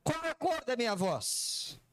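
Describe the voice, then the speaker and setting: Brazilian male preacher, high and lively, theatrical, quizzes the congregation, live church sermon. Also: unhurried. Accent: Brazilian Portuguese. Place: church service before a congregation.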